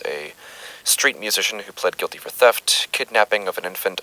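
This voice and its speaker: A man's voice: sits low, bright, forceful tone, rough recording. A man playing an uneasy, methodical doctor who records case findings formally and hesitantly in a horror audio drama.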